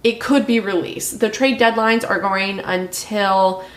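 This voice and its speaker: A woman's voice: medium pitch, steady tone, a little slow. A woman co-hosting a casual sports podcast, rambling and self-mocking as she talks through her team's preseason. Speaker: podcast co-host. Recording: echoey room.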